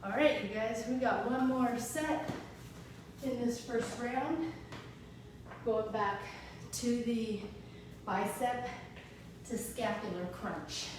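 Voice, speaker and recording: A woman's voice: fairly high pitch, slow pace. Female aerobics instructor, clipped encouraging commands with space between them; very reverberant, noisy room recording. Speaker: aerobics instructor leading a live workout. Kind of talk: aerobics instructor cueing, short counted exercise commands. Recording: echoey room, distant mic, background noise.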